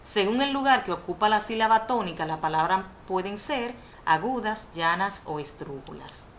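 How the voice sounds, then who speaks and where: A woman's voice: medium pitch, lively intonation, moderate pace, a bit bright. A woman teaching a university Spanish course over a webinar, explaining rules step by step and correcting herself as she goes. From Dominican Republic. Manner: didactic, repeats definitions, self-corrects with "perdón". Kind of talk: webinar lecture on Spanish spelling. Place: indoors, online video conference. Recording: faint background noise, webinar audio.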